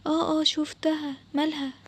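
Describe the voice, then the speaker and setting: A woman's voice: high-pitched, little pitch movement, close to an everyday voice. Woman voicing a scared young Egyptian girl. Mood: scared worried. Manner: worried pleading, quick. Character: frightened young girl Salma, cautious and anxious. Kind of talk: storytelling for an animated game video.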